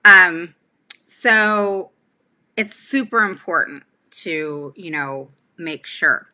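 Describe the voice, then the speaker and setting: The recording quality is poor, and her low-ish, sharp voice moves very slowly. She's a woman in her forties, a special education advocate hosting a chatty, emphatic livestream lesson from a small room at home, regularly asking "all right?" and "okay?"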